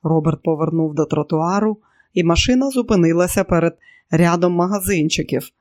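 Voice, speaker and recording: A man narrating a novel as an audiobook in an even, steady manner. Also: a little high, a little fast, dry recording, studio quality.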